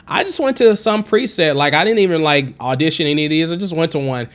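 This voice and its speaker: In a casual screen-recorded tutorial on music production, a man in his thirties talks fast in a fairly bright, high, twangy tenor. He's chatty, encouraging, and digressive, recording in a green-screen home studio through a studio condenser mic with a pop filter while wearing headphones.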